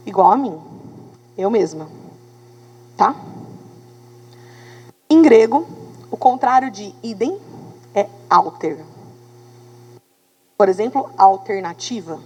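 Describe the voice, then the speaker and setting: Brazilian woman teacher, animated lecture. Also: on the high side, breathy edge, long reverb tail, low-quality recording. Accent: Brazilian Portuguese. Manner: animated, talks to students with tag questions. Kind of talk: lively classroom lecture.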